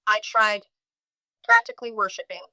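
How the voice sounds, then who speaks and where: Bright, smooth-voiced woman telling her story. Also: medium pitch, huge pitch swings, no echo. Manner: emotional, halting, with many restarts and quoted speech. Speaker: guest sharing her story. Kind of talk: personal storytelling in a podcast conversation.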